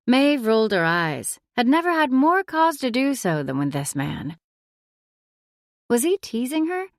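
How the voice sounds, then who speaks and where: A woman narrating an audiobook in an expressive, emotive reading style. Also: fairly high pitch, unhurried, dry recording, clean studio sound.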